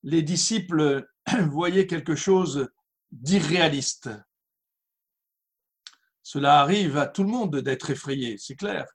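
Slow, husky-voiced male preacher. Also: on the high side. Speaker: pastor. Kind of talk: sermon with Bible reading.

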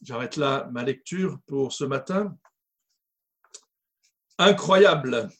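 A man preaching a sermon as pastor, reading scripture aloud and then expounding it with slow, deliberate emphasis. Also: mid-range voice, animated, husky.

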